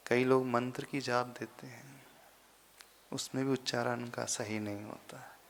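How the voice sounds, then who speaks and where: Slow, deliberate male monk preaching. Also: medium pitch, level tone, vocal fry, a little hiss or hum. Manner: slow, deliberate teaching with pauses and sudden emphatic rises. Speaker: Jain monk giving a discourse. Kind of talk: sermon.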